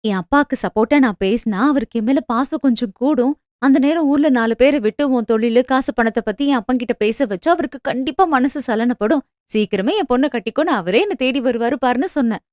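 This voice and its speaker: A woman voicing a bold young village woman in a storybook romance, coaxing and quick as she lays out her plans. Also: a little high, dry recording, studio quality, lightly acted. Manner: lively, coaxing, quick when explaining plans.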